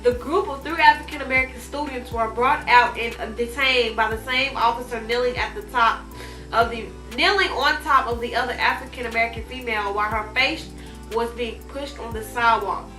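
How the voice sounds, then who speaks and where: A woman hosts an offhand commentary and rambles through it, full of ums and restarts. Her voice is bright and a little high. The room around her is echoey, with faint music underneath. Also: moderate pace. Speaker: host. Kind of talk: casual commentary.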